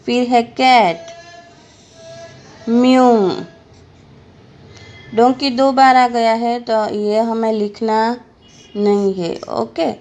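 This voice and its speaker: A woman's voice: a little high, flat delivery, takes it slowly, darkish tone. A woman teacher giving a lesson to young children, spelling words out letter by letter and asking questions she answers herself.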